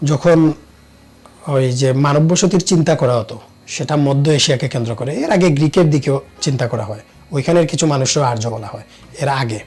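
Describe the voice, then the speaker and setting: Interview guest: man, measured and reflective, slightly raised husky voice. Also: fairly high pitch. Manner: thoughtful, measured, trails off softly at phrase ends. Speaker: poet and researcher, interview guest.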